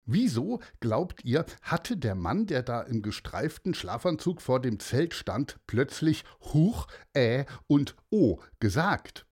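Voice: mid-range voice, slow, few pauses, slightly rough. A storyteller reading a bedtime story to children, speaking to the listeners directly. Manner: warm, lively, addresses listeners directly.

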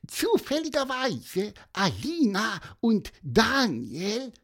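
A woman's voice: fairly high pitch, huge pitch swings, takes it slowly, fairly bright tone, exaggerated voice. A woman voicing a small, eager, helpful bird in an audio storybook, chatty and stammering with fillers.

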